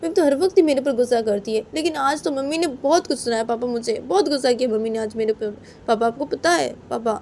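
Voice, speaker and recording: Woman putting on a whiny teen girl, high complaining voice, mellow tone, faint background noise. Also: fast talker, few pauses. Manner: high, whining, repeats "kya hai". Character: teenage daughter, whiny and complaining.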